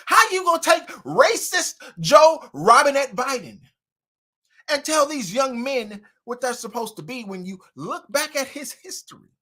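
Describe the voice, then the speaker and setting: A man hosting a livestream commentary, mocking and preachy, with loud swings in volume. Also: very high-pitched, sing-song, measured pace. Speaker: commentary host.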